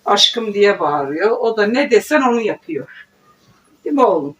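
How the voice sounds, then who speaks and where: A woman's voice: mid-range voice, big pitch swings, moderate pace. A woman chatting at home in a casual vlog, cooing affectionately to her pet parrot while she works. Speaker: vlogger. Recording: distant mic with clear background noise.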